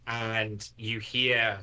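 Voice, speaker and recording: A man runs a tabletop game in a fairly low, bright voice. He improvises the narration at a very unhurried pace, halting mid-sentence as he builds each scene. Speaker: game master.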